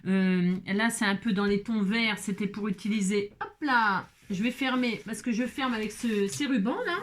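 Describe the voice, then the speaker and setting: A woman's voice: mid-range voice, normal speed. A woman chatting casually through a crafting tutorial, exclaiming often and dropping little interjections as she works. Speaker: crafting vlogger.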